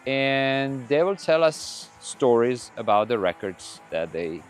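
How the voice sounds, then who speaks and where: A middle-aged man from Croatia, whose first language is Croatian, hosts a podcast in a room full of records. He talks in a relaxed, rambling way, restarting his sentences, at an ordinary middle pitch. Faint music plays behind him. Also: slow. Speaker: podcast host and record label owner. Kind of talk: casual monologue.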